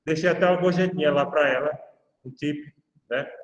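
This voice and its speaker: Brazilian man, law lecturer, somewhat high voice, distant from the mic, long reverberant room. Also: normal speed, muffled recording. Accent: Brazilian Portuguese. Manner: chatty, speaks straight to the students. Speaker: law professor. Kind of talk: university lecture with an anecdote.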